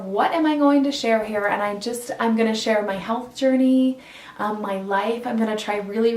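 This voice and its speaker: A woman in her thirties chatting casually to camera as a vlogger, earnest and rambling with frequent ums and restarts. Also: mid-range voice. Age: 30s. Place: indoors in a borrowed home. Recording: roomy sound from a distant mic.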